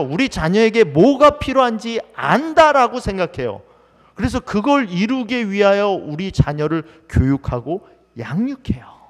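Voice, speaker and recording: A male pastor preaching a sermon in a conversational way, asking the congregation many questions. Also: sits high. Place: church sanctuary. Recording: long hall reverb.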